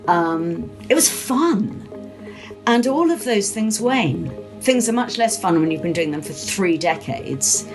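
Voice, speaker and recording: A woman in her late fifties or older, a former journalist who changed careers to become a teacher, gives a reflective personal account as an interviewee. Her mid-range voice is animated and unhurried, heard over music with poor audio quality.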